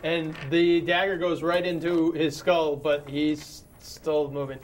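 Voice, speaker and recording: A man's voice: on the high side, level tone, slow pace, a little hiss or hum. A man running a tabletop game as game master, narrating in a loose, casual way.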